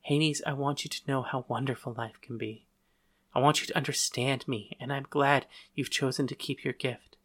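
Storybook: tender teenage girl, put on by a male reader, soft and soothing, bright tone. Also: medium pitch, steady tone, normal speed, close to an everyday voice. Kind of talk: audiobook reading.

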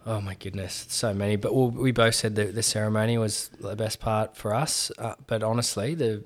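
A man's voice: lowish voice, steady tone, moderate pace. A young man co-hosting a podcast, chatting in an easygoing, slangy way and restarting his words often. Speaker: podcast co-host. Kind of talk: casual podcast chat.

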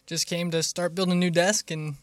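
A man's voice: sits high, flat delivery, fairly quick, dry recording. A man chatting casually as a guest on a podcast in a studio. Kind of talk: casual chat.

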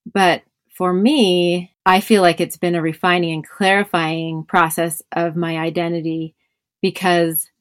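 Reflective mother of five, low voice. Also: no room sound, studio quality. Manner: reflective, thoughtful, many fillers. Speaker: podcast host. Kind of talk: casual podcast conversation.

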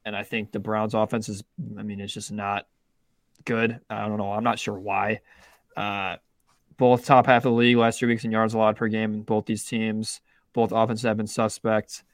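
A young man co-hosts a casual sports betting podcast, speaking at a normal speed in a lowish voice with little pitch movement. He talks in rambling bursts, interrupting himself, restarting often, and swearing now and then. The studio-quality recording has no room sound.

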